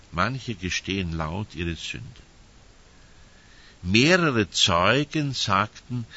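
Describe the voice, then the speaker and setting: A man's voice: lowish voice, bright, forceful tone. An older man, preaching a conversational sermon and often adding tag questions. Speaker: priest. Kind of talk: spoken sermon with anecdotes. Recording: dull, muffled sound.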